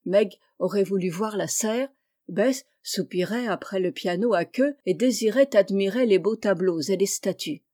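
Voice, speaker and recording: A woman narrating a classic novel aloud as an audiobook. Her voice is medium-pitched and steady, and she tells the story in a clear, even way. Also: moderate pace. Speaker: audiobook reader.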